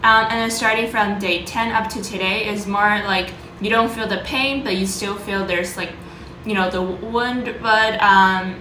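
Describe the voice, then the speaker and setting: A woman vlogger talking informally about her own experience, loosely worded and pausing to search for words. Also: mid-range voice, fairly even intonation, sharp tone, reverberant, a little hiss or hum, poor audio. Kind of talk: casual vlog talk, sharing personal experience and tips.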